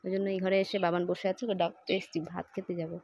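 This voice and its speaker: A woman's voice: lowish voice, level tone, rapid-fire, creaky, a little mellow, highs cut off. A woman in her thirties, a vlogger and mother, chatting casually to viewers while going about her day at home. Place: rural home and courtyard on a hot day. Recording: outdoor ambience with passing vehicles. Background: traffic and ambient noise.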